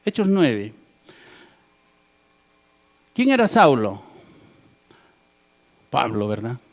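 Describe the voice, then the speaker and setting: A man's voice: mid-range voice, darkish tone. A male pastor preaching a sermon, asking the congregation questions and tagging his points with "right?" and "amen". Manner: asks the congregation rhetorical questions, tags "¿verdad?" and "amén".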